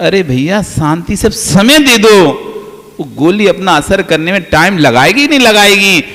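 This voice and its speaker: A Jain monk gives a sermon in a hall with long reverb, telling everyday stories with playful quoted dialogue and an occasional laugh. His voice is high and a bit bright, with lively intonation and a measured pace.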